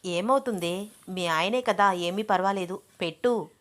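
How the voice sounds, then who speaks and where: A woman's voice: mid-range voice, measured pace, a bit bright, close to an everyday voice. A woman reading a romance story aloud, voicing a cheerful elder sister who teases and reassures her younger sibling. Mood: reassuring. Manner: teasing, light-hearted.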